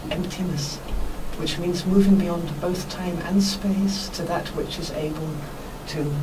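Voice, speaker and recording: A woman being interviewed on radio as a workshop teacher, explaining spiritual ideas in an earnest, reflective, measured way. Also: on the low side. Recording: noisy, distant microphone.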